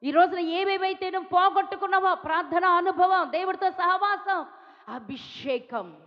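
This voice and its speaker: A woman's voice: very high voice, normal speed. A woman from India with a Telugu accent, preaching a sermon with emphatic repetition, pleading tone and rhetorical questions. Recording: dull sound with long hall reverb.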